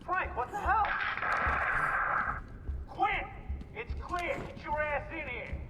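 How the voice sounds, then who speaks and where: Panicked shouting guard. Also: male voice, very high voice, expressive, slow, full character voice. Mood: urgent. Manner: urgent shouted orders. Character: panicked male security guard. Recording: echoey distant game audio, ambient noise.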